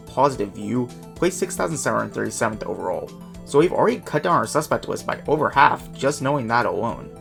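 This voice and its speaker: A man narrating a casual video with a quick, self-mocking, chatty delivery. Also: mid-range voice, creaky, a bit bright. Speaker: YouTuber and documenter.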